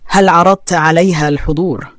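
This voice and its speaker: A man's voice: a little high, fairly even intonation, fairly quick, no echo, clean studio sound, lightly acted. A man reading the lines of a betrayed young adult sister who speaks sharply and firmly to her brother in a spoken story. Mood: indignant. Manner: sharp, firm.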